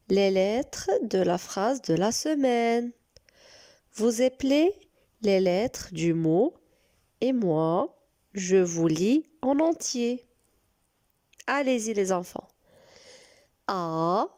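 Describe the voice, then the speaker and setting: A woman teaching a reading lesson to young children, speaking slowly and encouragingly and praising them often. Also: fairly high pitch, warm tone. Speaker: preschool teacher.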